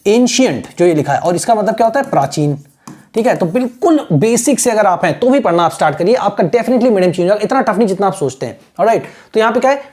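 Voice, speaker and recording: A male teacher leads a screen-share lesson with a mellow, warm voice. He is patient and repetitive and often stops to check that the listener is following. He slips English phrases into his explanations and breaks hard words into slow syllables. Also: sits high, expressive. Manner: drills pronunciation syllable by syllable.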